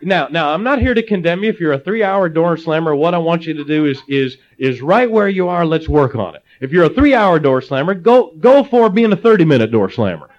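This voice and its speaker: A man's voice: fairly high pitch, brisk, few pauses. A middle-aged male pastor from Ohio preaching a sermon, telling stories with jokey asides. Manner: animated storytelling, jokey asides. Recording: slightly dull lo-fi audio.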